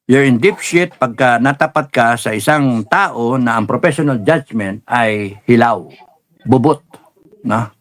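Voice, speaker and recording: A man's voice: mid-range voice, unhurried. A man with a Filipino accent giving casual political commentary, rambling and mixing Tagalog with English, with chuckles between his points.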